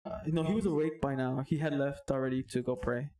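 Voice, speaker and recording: Animated, swearing man telling a story. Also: medium pitch, fast talker. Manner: animated, swears a lot, mixes in Spanish slang. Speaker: podcast guest. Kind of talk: casual storytelling chat.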